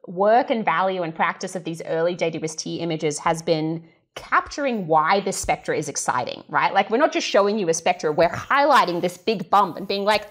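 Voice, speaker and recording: Speaking at a medium pitch, a female guest scientist gives informal, lively explanations in conversation, performing remarks she imagines others making.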